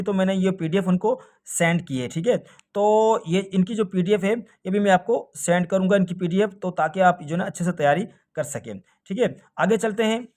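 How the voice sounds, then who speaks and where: A man's voice: high-pitched, a little mellow. A man teaching a recorded grammar lesson for an exam, asking questions and answering them himself. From Pakistan. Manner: often ends points with a check-in "okay".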